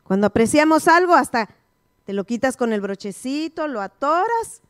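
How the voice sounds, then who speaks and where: High-voiced woman pastor preaching. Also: lively intonation, moderate pace, no echo. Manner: call-and-response, repeated questions to the congregation. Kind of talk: sermon teaching.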